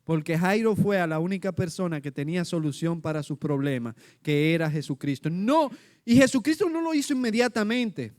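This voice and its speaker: Middle-aged preacher guy, high voice, lively, acts out the quotes. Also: fairly quick. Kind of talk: sermon.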